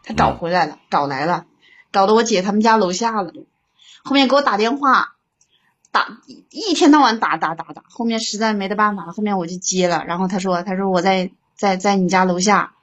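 Fast-talking woman caller, stammering. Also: medium pitch, muffled recording. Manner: stammering repeats, rushed storytelling. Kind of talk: telling her own story on a call-in show.

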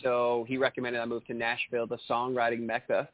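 A man from Maine chats as a singer-songwriter guest, relaxed and friendly. His mid-pitched voice is dry and thin, as if heard over a phone line. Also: a little fast, no echo. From Maine, USA. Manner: friendly, laughing easily, relaxed. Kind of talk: casual interview answers.

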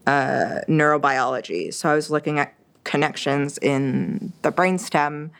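A young woman from Quebec, a native French speaker, chats as an interview guest in a low, creaky but clean voice at an unhurried pace. Her casual speech has lots of fillers and restarts.

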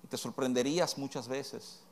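A man's voice: medium pitch, steady tone, moderate pace. A man teaching from the Bible, speaking earnestly and straight to the listener, with many rhetorical questions. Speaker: preacher.

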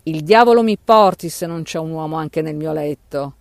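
A man voicing a tipsy, excitable young man who exclaims in a raised voice, in a storybook reading. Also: on the high side, normal speed, dry recording, natural voice. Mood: excited.

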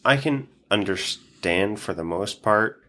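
A man's voice: on the low side, expressive, slow, pushed and bright. A man hosting a podcast in casual chat, stuffy from allergies, who swears often and laughs a lot. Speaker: podcast host.

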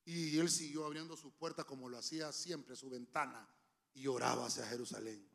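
A man preaching a sermon, emphatic and humorous, with sudden shouts, into a handheld microphone. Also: mid-range voice, fairly even intonation, fairly quick, gravelly. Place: church.

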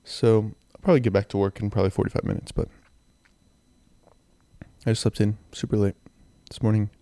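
A young man with a phlegmy, sick throat rambles in a low-key way as he hosts a casual solo podcast into a close handheld mic. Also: little pitch movement, a little fast, mellow, no echo. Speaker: podcast host. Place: in bed, indoors. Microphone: handheld mic and audio recorder, close.

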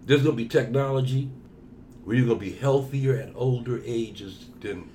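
A man's voice: mid-range voice, moderate pace, mellow, a little hiss or hum. A man chatting casually, emphatic and profane, often repeating himself for stress. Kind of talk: casual chat.

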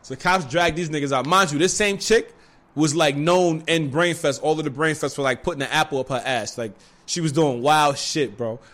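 A young man with a fairly high voice spins a long story in loose, profane street slang. He rambles through fillers and restarts and gets animated as the tale builds. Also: normal speed. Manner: animated, breaks into laughter. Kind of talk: casual chat.

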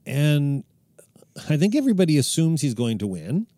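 A man's voice: a little high, very animated, moderate pace, dark tone, dry recording. A man co-hosting a podcast, asking wry, teasing questions in casual chat. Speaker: podcast co-host.

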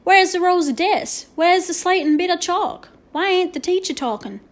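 A woman's voice: sits high, normal speed, lightly acted. A woman voicing a boastful, chatty frontier cowboy man with a folksy drawl. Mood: puzzled.

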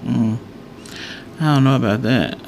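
Her voice is extremely low, a little slow and a little mellow, on a low-quality recording with clear background noise and room ambience. As a solo host she chats casually to followers, thinking out loud and going back over her points to stress them.

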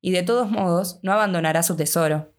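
A woman voicing a weary, gentle young male hobbit who speaks calmly and reassuringly. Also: on the low side, a little fast, close to an everyday voice. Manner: calm and reassuring.

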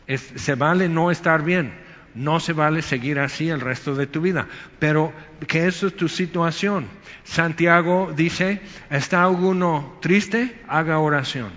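A man's voice: a little high, fairly bright tone, in a large hall, lo-fi sound. A male pastor preaching a Sunday sermon in a conversational way, acting out quotes and asides.

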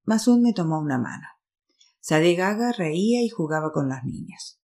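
A woman's voice: fairly low pitch, expressive, normal speed, dark tone. A woman narrating a novel in the first person, reading steadily.

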